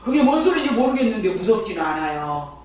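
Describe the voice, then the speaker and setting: Woman pastor, lively storytelling sermon; distant mic in a booming church with faint hum. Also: quick pace, very echoey. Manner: lively storyteller who chats with the congregation. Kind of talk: sermon with personal testimony.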